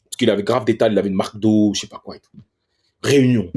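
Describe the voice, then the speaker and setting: A man's voice: fairly low pitch, steady tone, fast talker, darkish tone, husky. A professional footballer, a man, telling a story as an interview guest in slangy street French and acting out other people in raised voices.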